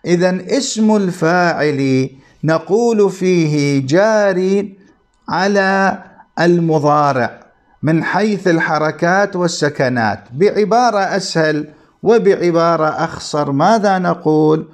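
A male grammar teacher with a somewhat high voice lectures at an unhurried pace. He spells out each point deliberately and repeats terms for his class. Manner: slow, deliberate explaining with repetition, addressing students.

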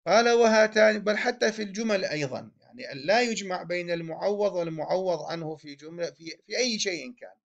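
A man with a high voice teaches a classical grammar lesson from a text. He talks deliberately and repeats each example form as he drills it. The recording is dull and lo-fi. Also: gravelly.

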